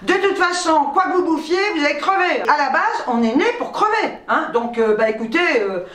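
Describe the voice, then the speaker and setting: A woman's voice: sits high, animated, normal speed, a bit bright, recorded from a distance. A woman chatting bluntly through her grocery haul, swearing freely and laughing at herself. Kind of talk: casual grocery haul chat. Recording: roomy echo, speaking from away from the mic.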